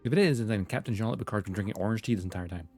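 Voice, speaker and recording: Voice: mid-range voice, rapid-fire, dark tone, soft background music. A game streamer giving playful, joking commentary and reading dialogue choices aloud. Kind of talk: casual live-stream commentary.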